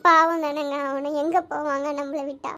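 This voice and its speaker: A woman voicing a worried, gentle mother who pleads softly with her husband, for a cartoon. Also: high voice, level tone, moderate pace, faint music behind. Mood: pleading. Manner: pleading and soft.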